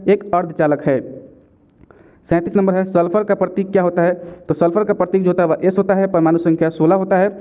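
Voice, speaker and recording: An exam-prep chemistry teacher with a high male voice narrates a question-and-answer lesson at a fairly quick, steady pace. He is didactic and repeats key facts as reminders, and the audio is narrow and tinny, like a phone.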